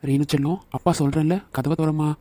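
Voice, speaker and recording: A woman voicing a doting middle-aged father in a cartoon, in a lowered, mellow put-on male voice. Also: fairly even intonation, a little fast, background noise, close to an everyday voice. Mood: affectionate.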